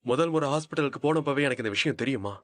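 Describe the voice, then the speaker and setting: An actor in a TV serial playing a gentle young husband who soothes his crying wife. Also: medium pitch, racing, no echo, close to an everyday voice. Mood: soothing. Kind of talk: Tamil TV serial acting.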